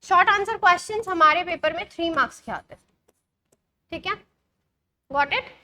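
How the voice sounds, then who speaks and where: A woman's voice: very high voice, sharp tone. A young woman with an Indian accent teaching an exam-prep English lesson online, mixing Hindi and English and checking in with her students often. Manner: switches between Hindi and English, reads passages slowly; checks in often with short questions.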